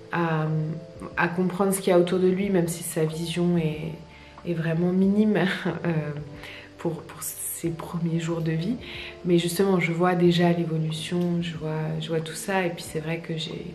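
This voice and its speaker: A young woman chatting casually to her viewers in a soft-spoken, hesitant and reflective way. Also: fairly low pitch. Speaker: vlogger and ASMR creator. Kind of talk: casual personal vlog, talking to viewers. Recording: roomy, echoey sound with faint music.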